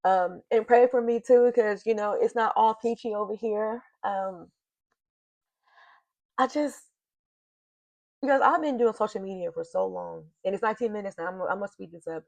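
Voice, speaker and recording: Speaking at a normal pace in a mid-range, darkish voice with vocal fry, this middle-aged vlogger gets emotional and sighs while confiding in her viewers. She's recording a casual confessional from her home office on a computer mic, and the sound is dry.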